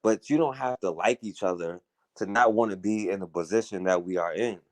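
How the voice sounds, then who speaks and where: This talk radio host talks a little fast in a fairly low voice, offering an earnest, casual monologue and checking in with "you know" and "right?". The audio is close-miked and dry.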